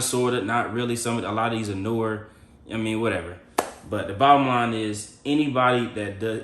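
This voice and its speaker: A man's voice: on the low side, a bit bright. A man hosting a show, talking loosely in slang as he comments at length. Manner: rambling, loose slang, frequent fillers. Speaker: podcast host. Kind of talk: casual commentary. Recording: echoey room.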